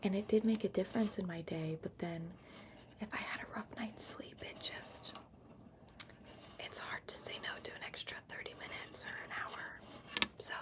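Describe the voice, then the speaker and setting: A woman giving an unhurried ASMR ramble in a hushed whisper and soft voice, recorded up close on a laptop microphone. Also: medium pitch. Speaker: ASMR vlogger. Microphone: built-in laptop microphone, up close. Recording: lo-fi laptop microphone, clear background noise. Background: tapping and keyboard-like scratching sounds.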